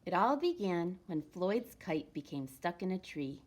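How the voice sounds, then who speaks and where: A woman reads a children's picture book aloud in an expressive storytelling manner, with deliberate pauses and emphasis. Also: lowish voice, heavy background noise. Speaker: elementary school storytime reader.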